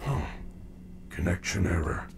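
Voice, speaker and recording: A kindly caretaking robot bear speaks in careful, formal sentences, his pitch rising and falling expressively. He sounds protective and gentle, like a machine built to look after children. A steady wash of game ambience hums under him. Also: gravelly, exaggerated voice. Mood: curious. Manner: formal, measured robotic phrasing. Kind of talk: video game character dialogue. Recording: game audio with noisy ambience.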